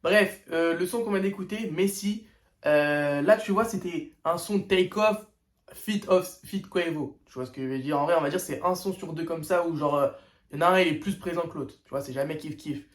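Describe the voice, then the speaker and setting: A young man hosts a casual first-listen music reaction, his voice sitting a little high. He talks in loose slang, stalling on fillers and checking in with the listener. The recording carries a noticeable echo from the room. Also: moderate pace. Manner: slangy, hesitant, full of "tu vois" and "euh". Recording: echoey room.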